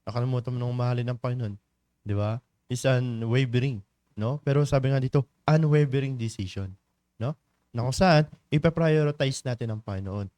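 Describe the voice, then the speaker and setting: A man with a Filipino accent leads a morning church devotion, speaking at a middle pitch in a loose, chatty way. He often stops to ask the listeners questions and teases them. The sound is dry and close, with little room echo. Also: brisk, warm tone. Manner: conversational, teasing the congregation, many tag questions. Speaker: devotion leader.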